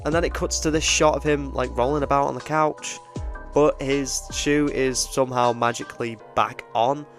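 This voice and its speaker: A man's voice: medium pitch, fairly even intonation, normal speed. A man giving a casual, jokey, sweary comedic film recap as host. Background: music.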